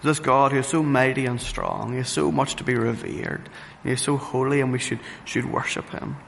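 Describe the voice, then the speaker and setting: A man's voice: medium pitch, normal speed, creaky, a bit bright. A man preaching a sermon, earnest, repeating phrases for emphasis and often restarting his sentences. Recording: reverberant hall with faint ambient noise.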